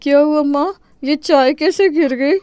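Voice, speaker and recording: Eager young daughter, fawning over her mom, high voice, woman does her. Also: unhurried, darkish tone, no room sound, studio quality.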